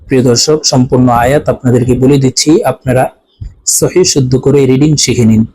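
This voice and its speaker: A man teaching Quran reading, spelling each word syllable by syllable and then chanting it in long, drawn-out recitation, with brisk explanations of pronunciation rules in between. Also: medium pitch, fairly even intonation, mellow, low-quality recording. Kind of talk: letter-by-letter Quran reading lesson.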